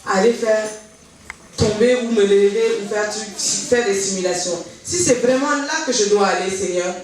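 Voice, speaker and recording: Speaking at normal speed with a medium pitch, this woman relates her own testimony in church, animated and voicing the exchanges as she recalls them. Her voice sounds far away in a strongly echoing hall, with a little noise underneath.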